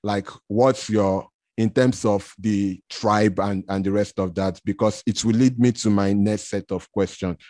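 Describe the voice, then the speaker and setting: Low-voiced male interviewer, dry sound. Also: steady tone, a little slow, hardly any pauses, a little mellow, dry recording. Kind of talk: casual conversational interview.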